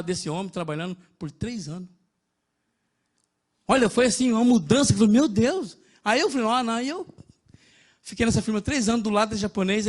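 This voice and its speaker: High-voiced Brazilian man preaching. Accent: Brazilian Portuguese. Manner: conversational, addresses listeners as brother, animated storytelling. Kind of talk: sermon. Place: church in Japan.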